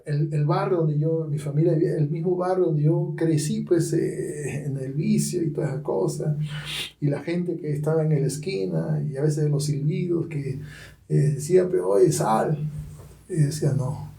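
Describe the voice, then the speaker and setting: A man's voice: a little high, warm tone. A middle-aged man with a Peruvian Spanish accent, a pastor telling his personal testimony as a dramatic storyteller who often adds tag questions. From Peru. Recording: roomy sound from a distant mic.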